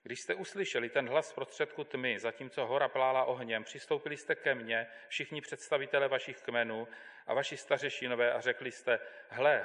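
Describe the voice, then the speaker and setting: A man giving a measured, deliberate Bible reading as a scripture reader in a church. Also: mid-range voice, a bit bright. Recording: long hall reverb.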